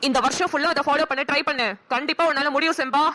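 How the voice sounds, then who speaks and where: A woman with a Namakkal Tamil accent voices a bossy, scolding friend in a cartoon. She talks quickly in a high, bright voice. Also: fairly even intonation. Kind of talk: cartoon voice acting.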